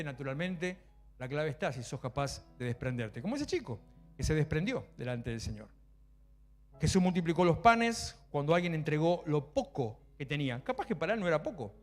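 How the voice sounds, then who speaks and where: A middle-aged man with a Rioplatense Spanish accent preaching a lively sermon, swinging between loud exclamations and quiet asides. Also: fairly high pitch. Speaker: pastor.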